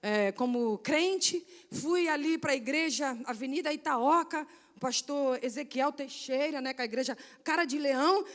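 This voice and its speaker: A guest missionary, a high-voiced Brazilian woman with a Rio de Janeiro accent, gives a testimony sermon in a church sanctuary at a moderate pace, her voice filling the large hall. She tells her story with animation, acting out quoted voices and often adding "né?" and "amém?".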